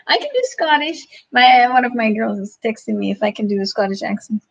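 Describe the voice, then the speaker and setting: A woman hosting a casual livestream, answering chat questions in a halting, thinking-aloud way with frequent chuckles. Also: on the high side, wildly swooping pitch, vocal fry, fairly bright tone, lo-fi sound.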